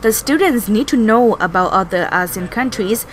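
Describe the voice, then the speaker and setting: A woman's voice: medium pitch, animated, moderate pace. Thai-accented woman reporter over background noise. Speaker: news reporter. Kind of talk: scripted news narration.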